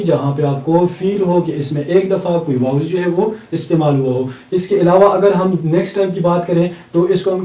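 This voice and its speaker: Male teacher, Pakistani accent, patient explaining, repeats examples slowly, mellow voice, roomy distant sound. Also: fairly high pitch. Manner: explanatory, mixes English terms into Urdu, repeats example words slowly. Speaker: English teacher. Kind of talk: recorded lecture. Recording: echoey room, mic at a distance.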